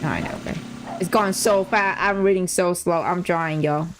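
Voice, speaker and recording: A woman streamer playing a game live, reading the story aloud haltingly and reacting casually with swearing. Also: fairly low pitch, slight background noise. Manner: casual, profane, reads haltingly with restarts.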